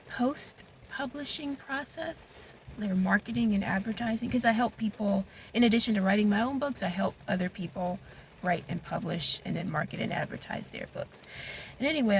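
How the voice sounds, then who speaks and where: A woman sits in a parked car and talks casually to her camera about her writing. She rambles, thinks aloud and restarts her sentences, her voice at an ordinary middle pitch. Faint rain drums on the car roof behind her. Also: a little hiss or hum, low-quality recording. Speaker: romance author. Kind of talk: casual vlog monologue. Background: rain falling on the car.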